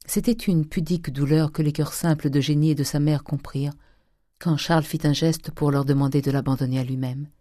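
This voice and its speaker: A measured audiobook narrator reading literary prose with expressive care. The voice is dark and mellow, recorded close and dry with no room around it. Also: mid-range voice, dry recording.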